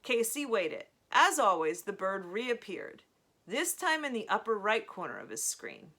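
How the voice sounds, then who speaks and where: A woman reading a novel aloud in a slow, measured storytelling manner, with casual asides between chapters. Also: mid-range voice, sing-song, pushed and bright. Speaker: reader of a novel.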